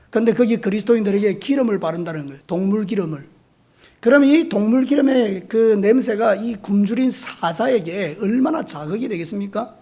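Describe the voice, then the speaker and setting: High-voiced pastor preaching emphatically. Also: male voice. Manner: vivid storytelling, calls out to the congregation; emphatic, rising to loud declarations. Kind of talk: sermon.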